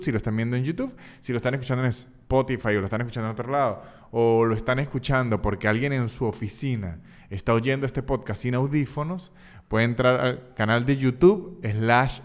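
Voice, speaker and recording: A man hosting his own podcast as a stand-up comedian, talking casually in a playful, joking, rambling way and correcting himself as he goes. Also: medium pitch.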